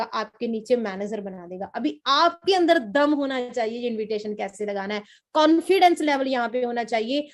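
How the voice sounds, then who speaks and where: A young woman from Punjab giving a lively, repetitive training talk to a sales team as its trainer. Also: a little high. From Punjab, India. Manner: coaching, repetitive, lively storytelling. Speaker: network marketing trainer.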